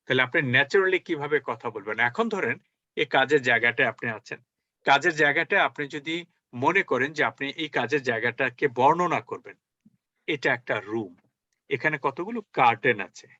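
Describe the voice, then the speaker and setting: A man's voice: medium pitch, bright, forceful tone, no room sound, dull audio. A man teaching English as a spoken lesson, coaxing his learners along with many rhetorical questions.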